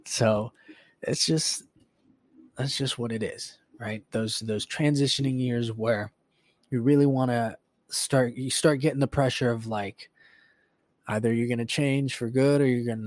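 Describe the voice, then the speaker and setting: Man, late 20s, solo podcast host; loose, rambling, profane, mid-pitched, dry close mic. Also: fairly even intonation, unhurried, long pauses, no echo. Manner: rambling, frequent swearing and fillers. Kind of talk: casual solo reflection.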